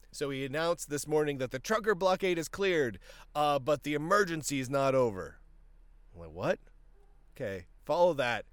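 Clear and resonant at a medium pitch, a podcast host delivers casual political commentary with animated energy and lots of restarts. A tickle in his throat brings on coughs, and the recording has no room sound.

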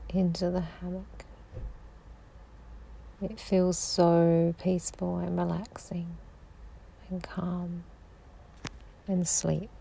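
A woman guiding a sleep meditation in a slow, soothing voice that drifts into whispers. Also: on the low side, vocal fry, mellow, a little hiss or hum, rough recording. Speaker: sleep hypnosis guide.

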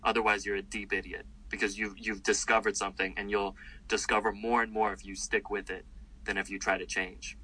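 Husky and on the low side, this comedian speaks fairly quickly during a relaxed interview. He rambles with animation, peppering his talk with fillers and restarts, and the recording quality is low.

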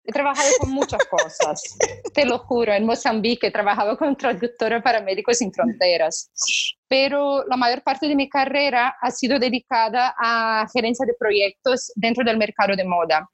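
A woman's voice: on the high side, normal speed. A woman from Brazil, speaking Spanish with a Brazilian Portuguese accent as a podcast co-host, chatting casually and thoughtfully with small hesitations.

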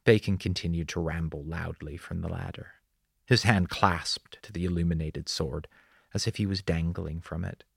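A man narrating an audiobook in a measured, descriptive storytelling manner. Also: low voice, steady tone, vocal fry, breathy edge, dry recording, studio quality.

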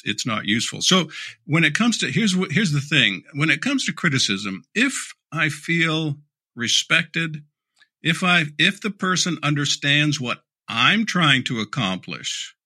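A man's voice: medium pitch, pushed and bright. A middle-aged man answering interview questions about leadership, candid and dryly sarcastic, often restarting his words. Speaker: leadership speaker and guest.

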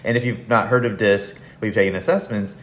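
A man's voice: fairly low pitch, steady tone, a little fast. A man talking casually as an expert podcast guest, explaining things in an informal, plain-spoken way in a home dining room. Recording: roomy echo, faint room noise.

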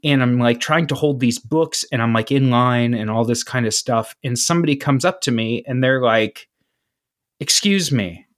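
A man's voice: moderate pace, few pauses. A man co-hosting a podcast, telling a long story in casual chat with lots of fillers and restarts. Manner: rambling storyteller, lots of filler and restarts, swings pitch for quoted voices. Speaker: podcast co-host.

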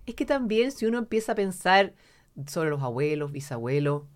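A woman's voice: fairly low pitch, very animated, normal speed. A middle-aged woman with a Chilean Spanish accent, a podcast guest who talks casually and acts out quoted voices as she tells stories.

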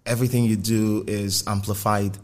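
A man's voice: fairly low pitch, little pitch movement, moderate pace. A man interviewing casually, probing and rephrasing his questions as he goes.

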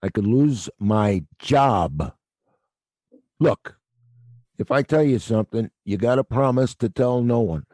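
In an audio play, a man portrays a middle-aged night watchman, gruff outside but fatherly within, speaking wryly and world-weary at medium pitch. His delivery is mellow and slow with frequent pauses and lively intonation, confiding in tone, recorded dry and close with no echo.

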